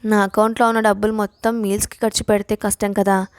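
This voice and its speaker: Woman voicing a gentle troubled college girl. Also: mid-range voice, flat delivery, fast talker, clear, resonant tone, dry recording, lightly acted. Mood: worried.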